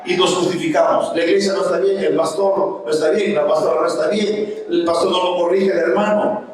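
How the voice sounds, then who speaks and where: A man's voice: high voice, steady tone, brisk. A man preaching a sermon to his congregation, calling them brothers. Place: church. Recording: very echoey church hall, mic far off.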